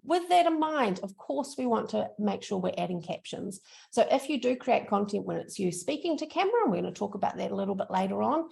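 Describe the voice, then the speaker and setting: A middle-aged woman with a thick Kiwi accent, presenting an informal online lesson. Her voice sits at a medium pitch with heavy vocal fry. She talks in a chatty, encouraging way, as a trainer guiding learners. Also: sing-song, fairly quick, a little mellow. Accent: broad New Zealand (Kiwi). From New Zealand. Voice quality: creaky. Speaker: social media trainer.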